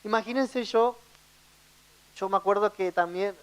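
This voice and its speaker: A man's voice: high-pitched, unhurried, clean tone, low-quality recording. A young Argentine man with a Rioplatense accent, preaching and sharing his own testimony from the pulpit. He talks earnestly and directly to the congregation and circles back to repeat his key phrases. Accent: Rioplatense Spanish. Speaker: church speaker giving testimony. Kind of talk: sermon testimony.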